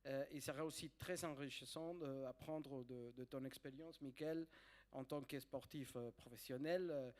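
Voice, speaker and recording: A man who is not a native French speaker, with a foreign accent in French, introducing a guest to an audience in a halting way, repeating words as he searches for phrasing. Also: mid-range voice, steady tone, darkish tone. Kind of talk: live spoken introduction to an audience.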